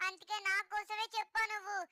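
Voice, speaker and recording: Childlike robot cat: very high, bright and shrill, whiny and accusing, cartoon dub. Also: female voice, level tone, fast, slight background noise.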